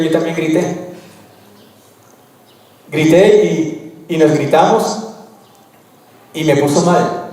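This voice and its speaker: A man's voice: fairly high pitch, mellow. Man giving a candid retreat talk in an echoey hall. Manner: candid, conversational storytelling. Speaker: retreat speaker. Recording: echoey hall, voice far from mic.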